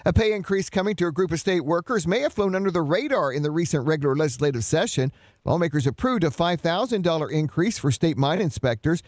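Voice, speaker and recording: A male radio news anchor reads scripted copy in a fairly high voice. The sound is dry and close, as in a studio. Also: lively intonation, quick pace, darkish tone, dry recording.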